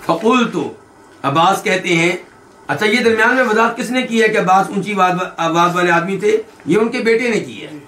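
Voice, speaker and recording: High, bright-voiced man teaching a hadith class. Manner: quizzes listeners with quick questions while explaining; recites quoted lines slowly, then explains them. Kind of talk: hadith lesson. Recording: echoey room.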